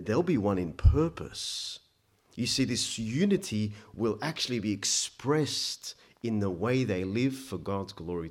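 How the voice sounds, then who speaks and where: A man born in Egypt preaching a sermon. He speaks emphatically, climbs to loud peaks and drops low, and often stammers into restarts. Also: husky.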